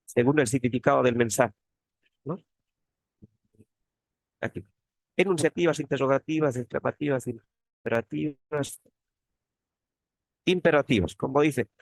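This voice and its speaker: A man's voice: medium pitch, a little slow, vocal fry, long pauses, no echo. A man, a teaching assistant, giving an online grammar lesson, explaining patiently and often tagging phrases with questions. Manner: explanatory, frequent tag questions.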